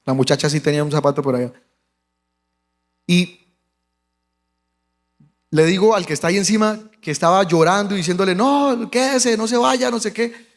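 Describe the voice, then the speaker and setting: A Colombian Spanish-accented pastor shares a personal testimony during a sermon, his high voice brisk but punctuated by frequent pauses. He animates the story by performing the quoted voices, and the room carries a long hall reverb.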